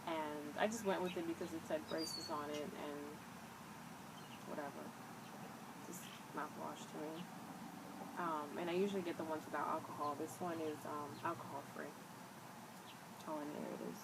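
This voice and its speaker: Low-voiced woman, whistling s, noisy recording. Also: steady tone, normal speed, pauses often. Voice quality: slightly whistling s from new braces. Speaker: vlogger. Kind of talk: casual chat to camera. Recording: loud background noise, amateur home recording.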